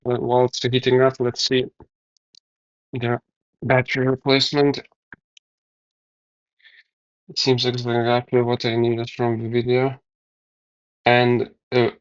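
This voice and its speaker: Slow, mumbling man thinking aloud. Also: mid-range voice, clear, resonant tone. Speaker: DIY video maker. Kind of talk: casual narration over hands-on repair. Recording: somewhat dull, lo-fi sound.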